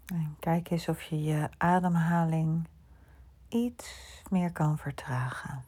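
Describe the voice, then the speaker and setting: A woman leads a bedtime relaxation in a hushed voice that often drops to a whisper. Her pace is very slow and her tone is dark and mellow, with a breathy, husky edge and a fairly low pitch. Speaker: sleep meditation guide. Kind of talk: guided sleep relaxation.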